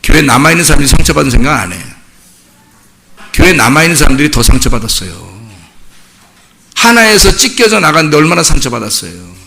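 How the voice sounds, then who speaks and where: Animated pastor, bright and lively. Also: male voice, on the high side, quick pace, vocal fry, long pauses. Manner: conversational, animated, acts out dialogue, laughs often. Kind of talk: sermon.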